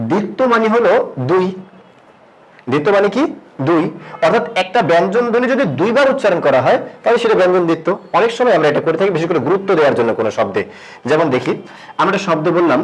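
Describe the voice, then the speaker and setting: Male teacher, grammar lesson, fairly high voice, asks and answers his own questions, slow low stress on terms. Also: poor audio. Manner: drops pitch and slows on key terms.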